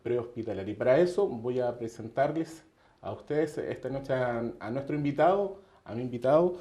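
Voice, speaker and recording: Tv interviewer, dark roomy voice. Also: male voice, mid-range voice, expressive, normal speed. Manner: conversational, hesitant with fillers.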